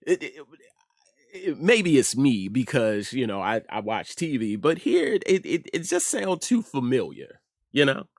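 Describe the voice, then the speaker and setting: This is the host of an online news commentary show, a middle-aged American man offering casual opinions, stressing his points and repeating phrases for effect. His mid-range voice has a sing-song, creaky quality and a measured pace. The recording is dry and studio quality.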